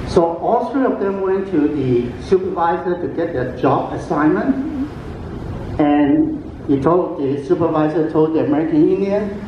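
Stand-up comedy from an older man, Cantonese being his first language, competing in a talent show aboard a cruise ship; his jokes come chattily, with many fillers and pauses. A distant camera catches his handheld mic booming through the atrium PA, with the highs cut off and slight background noise.

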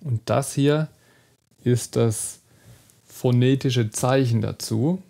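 Slow, gravelly German teacher. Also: male voice, mid-range voice, warm tone. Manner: slow, careful demonstration of sounds. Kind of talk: online language lesson.

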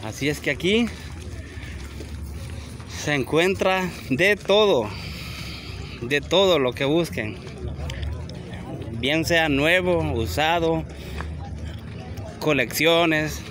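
Filming on a handheld phone, a man strolls a sunny gravel-lot flea market, chatting directly to his viewers and asking for likes in this casual walk-and-talk vlog. His fairly high, slightly bright voice has lively intonation but is extremely slow with long pauses, over slight background noise.

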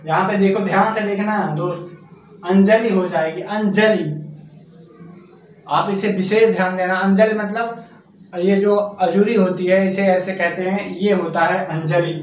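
A man with a high voice teaches an exam-prep spelling lesson, coaxing his students and repeating each word. He is recorded from a distance in a very echoey room. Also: fairly even intonation, a little slow. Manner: repetitive, coaxing, keeps asking the class questions and calling them friend. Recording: echoey room from far off, faint noise.

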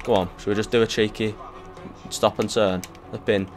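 Young guy commentating a football game, excitable and sweary, faint game music underneath. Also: fairly low pitch, moderate pace. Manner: excitable, swearing, jokey, with sudden shouts. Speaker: gaming youtuber.

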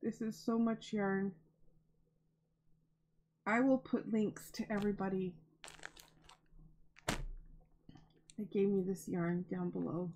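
Slow, gushing woman crafting vlogger. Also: mid-range voice, fairly even intonation, a little mellow, poor audio. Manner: gushing, emotional, slow and chatty. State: near tears. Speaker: crafting channel host. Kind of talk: casual yarn unboxing vlog.

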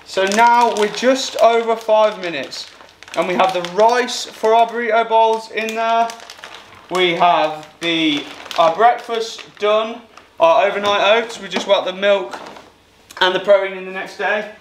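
A man's voice: high-pitched, unhurried. A young man in his twenties vlogging casually as he does meal prep in a small home kitchen, talking to camera in an upbeat, chatty way. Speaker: fitness vlogger. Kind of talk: casual how-to vlog. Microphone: camera mic from across the room. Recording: echoey kitchen with clear background noise.

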